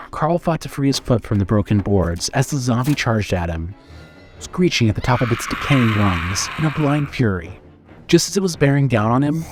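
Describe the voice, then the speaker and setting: A man narrating a horror story in a steady, suspenseful reading style. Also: medium pitch.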